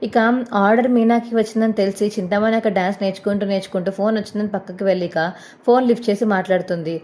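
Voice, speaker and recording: A woman narrating a serial episode recap in a brisk, conversational way. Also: mid-range voice, steady tone, a little mellow.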